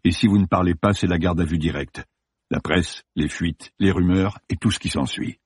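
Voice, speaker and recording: A man's voice: deep voice, moderate pace, a little mellow, breathy edge, no echo, studio quality. A man voicing a stern male police commander who questions coldly and insistently, in an audiobook. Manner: cold, level, insistent. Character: grim, hard-pressing male police commander. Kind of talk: audiobook character voice.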